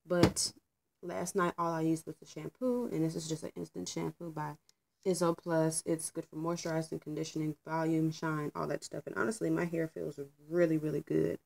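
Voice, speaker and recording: A woman's voice: deep voice, fairly even intonation, moderate pace, gravelly, a little mellow, rough recording. A young adult woman casually telling a story about work while getting ready at home, candid and chatty with frequent ums. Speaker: vlogger. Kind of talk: casual storytime while doing her hair.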